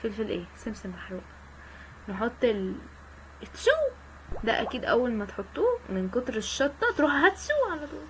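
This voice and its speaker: A woman's voice: a little high, lively intonation, a little fast, long pauses, a bit bright, slight background noise, poor audio. A woman with an Egyptian Arabic accent giving casual, joking let's-play commentary and chatting with her viewers. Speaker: gaming channel host.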